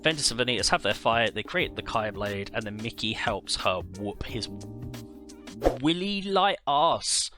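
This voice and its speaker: A man's voice: mid-range voice, animated, unhurried, music in the background. A man hosting a comedic game lore commentary, rambling and crude, often stumbling over names. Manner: rambling, jokey, crude humor. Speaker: host.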